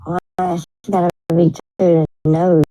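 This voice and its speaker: A woman chatting on a livestream in an animated, profane, slangy way. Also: on the low side, measured pace, dry recording, low-quality recording. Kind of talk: casual livestream chat.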